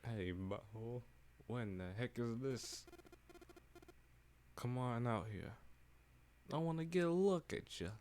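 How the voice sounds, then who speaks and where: A man's voice: mid-range voice, animated, slow, pauses often, darkish tone, slight background noise. Man doing a brash, cocky Brooklyn tough guy for a game read-along. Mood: taunting. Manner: rough, taunting street talk. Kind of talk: reading a game aloud in voices.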